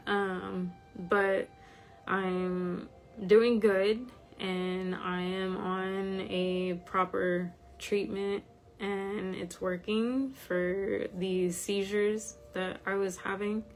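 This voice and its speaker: Woman, informal online group host. Tired, slightly croaky, very slow and even, over background noise. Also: medium pitch, rough recording. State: tired from medication. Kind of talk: informal livestream talk.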